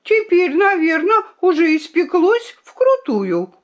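A woman's voice: extremely high pitch, very animated, takes it slowly, muffled recording, pitched above the performer's own voice, heavily acted. A woman reading aloud and voicing a spoiled, haughty young princess in a storybook. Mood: accusing. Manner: accusing, haughty.

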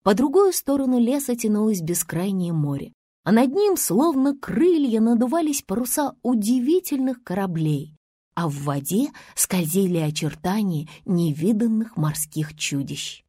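A woman narrating a children's story in an animated storyteller manner, with a slightly breathy voice. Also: normal speed, no echo, clean studio sound. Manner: animated storyteller with big pitch swings. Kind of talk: expressive children's story reading.

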